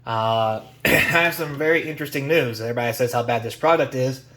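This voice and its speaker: A man's voice: medium pitch, brisk, sharp tone. Male vlog host, mid-range voice, chatty and folksy, a bit under the weather with a cold. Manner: chatty, folksy, airline-captain catchphrases. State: recovering from a cold, clearing throat. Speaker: YouTube card channel host. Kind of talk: casual card-opening vlog talk.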